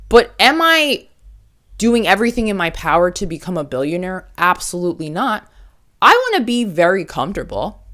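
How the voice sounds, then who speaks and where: A woman's voice: lowish voice, a bit bright. Earnest young woman vlogging to camera. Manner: earnest, self-reflective, motivational, drawn-out pauses. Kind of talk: casual reflective monologue to camera.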